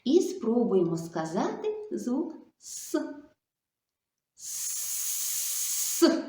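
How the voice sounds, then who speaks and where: A woman speech therapist giving a video lesson to young children, slow and coaxing, full of sing-song diminutives. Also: fairly high pitch. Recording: echoey room.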